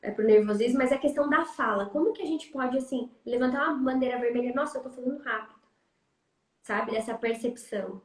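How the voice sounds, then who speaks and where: A woman's voice: on the high side, quick pace, few pauses, reverberant, rough recording. A Brazilian woman hosting a livestream on a video call, chatting casually and reading out questions from viewers. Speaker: livestream host. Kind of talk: casual chat.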